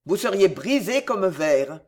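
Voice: mid-range voice, sing-song, a little slow. An audiobook reader voicing a tormented cardinal who issues grave, impassioned warnings. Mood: warning, urgent. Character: grave older man, a doomed tormented cardinal. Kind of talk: audiobook character voice.

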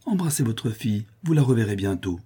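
Man voicing a calm, reassuring protector. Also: lowish voice, fairly quick, slightly rough.

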